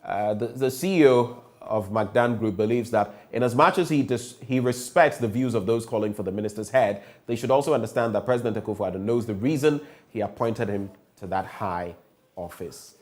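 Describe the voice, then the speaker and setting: A man's voice: on the low side, a little fast, a little mellow. A man with a Ghanaian English accent hosting a morning newspaper review, reading headlines and asking pointed questions. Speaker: news review host.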